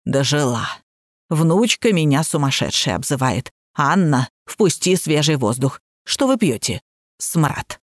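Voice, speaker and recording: A woman's voice: sits low, animated, unhurried, no echo, clean studio sound, voice pushed down. Woman doing a trumpeting hypochondriac old granny. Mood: whining. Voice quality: loud, trumpeting.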